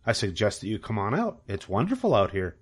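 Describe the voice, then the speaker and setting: A man voicing a bossy, excitable female goose who chatters and rapidly repeats phrases. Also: on the low side, husky, heavily acted. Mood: chatty, urging.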